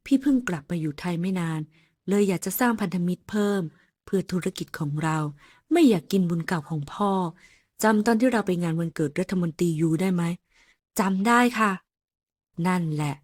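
A woman voicing a teasing, possessive young male boss in an audio novel, speaking low and coaxing. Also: expressive, brisk, a little mellow, husky, no echo, clean studio sound. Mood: persuasive.

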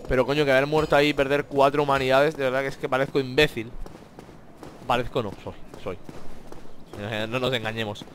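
A man with a Spain Spanish accent giving excitable let's-play commentary, swearing a lot and talking to the enemies on screen. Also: medium pitch, brisk, slight background noise. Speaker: gamer playing a video game.

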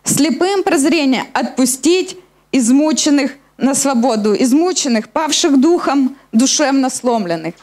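A middle-aged woman delivers an explanatory sermon with scripture reading, addressing listeners through a handheld mic at the lectern of an indoor church hall stage. Her high voice is expressive and a little mellow, and she keeps a measured pace.

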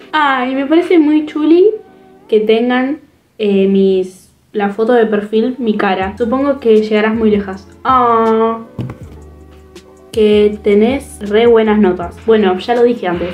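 A teenage girl with a Rioplatense Spanish accent, chatting excitedly to camera at home in a rambling, expressive way. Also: medium pitch, dull audio. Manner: excitable, rambling, fast-changing expressive delivery. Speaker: vlogger. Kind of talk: casual chat to camera. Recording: echoey room with faint music.

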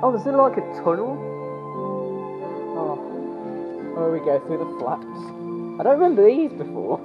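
Low-pitched woman, dull lo-fi sound. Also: big pitch swings, moderate pace. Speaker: vlogger. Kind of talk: casual chat, walk-through commentary. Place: inside a show cave. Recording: dull lo-fi camcorder sound, loud music. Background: music playing in the cave.

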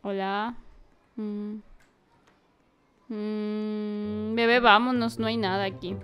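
A woman giving animated let's-play commentary, talking to a baby character and often yelling and laughing. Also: mid-range voice, slow, smooth, faint music behind. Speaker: gaming youtuber.

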